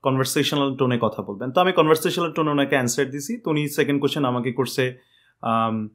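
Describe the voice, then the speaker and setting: A young man, a podcast guest telling how his visa interview went in a rambling, animated way, often correcting himself. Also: mid-range voice, fast. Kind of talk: casual interview storytelling.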